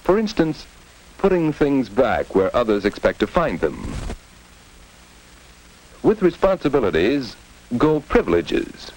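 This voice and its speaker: A man's voice: medium pitch, wildly swooping pitch, unhurried, pauses often, a little mellow, rough recording. A man narrating a mid-century educational film in a scripted, instructive 1950s narrator style, addressing the viewer directly on a vintage soundtrack.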